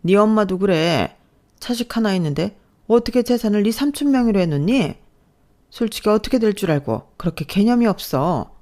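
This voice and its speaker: A woman's voice: mid-range voice, expressive, moderate pace, dark tone, close to an everyday voice. A woman voicing a snobbish, scornful older mother-in-law who scolds and belittles. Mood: scornful scolding. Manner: contemptuous, scolding.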